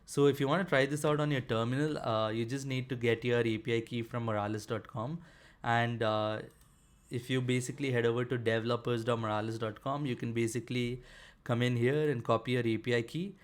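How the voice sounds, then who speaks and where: A man's voice: medium pitch, level tone, brisk. A man presenting a screen-share programming tutorial, explaining casually with frequent fillers like "uh" and "basically".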